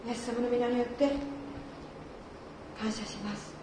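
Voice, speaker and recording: A woman leads a spoken prayer in slow, reverent phrases that pause often. Her voice is high and stays on a flat, even line. She sounds far from the mic, with a heavy church echo and faint background noise. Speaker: prayer leader. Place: church worship hall. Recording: distant, very echoey church hall.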